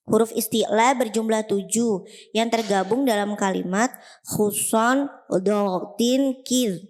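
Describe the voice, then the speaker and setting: A woman student slowly and carefully reading a lesson text aloud. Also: mid-range voice, in a large hall.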